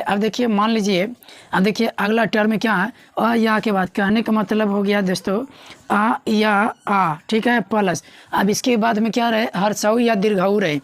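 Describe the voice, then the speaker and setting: A woman's voice: medium pitch, dry recording. A woman teaching a grammar lesson, often asking the class a question and answering it herself. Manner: repeats questions to students, coaxing.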